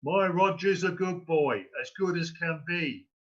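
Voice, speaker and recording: A man's voice: on the high side, unhurried, dull audio. A man voicing a surly, defensive neighbour in a recited poem, with a drawling, confrontational manner. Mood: defiant.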